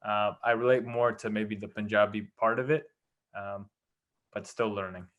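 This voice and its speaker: A man with a lowish voice talks casually over a video call. He rambles, trails off and restarts often. He is a guest on a roundtable chat. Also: steady tone, normal speed, fairly bright tone, lo-fi sound. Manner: loose, rambling, with many fillers and restarts. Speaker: guest, film producer.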